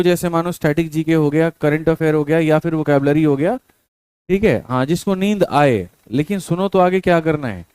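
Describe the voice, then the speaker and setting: High-voiced, crisp male study coach. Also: darkish tone, dry recording. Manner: colloquial, repeats points, addresses students as brother. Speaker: teacher giving study advice. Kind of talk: motivational lecture to students.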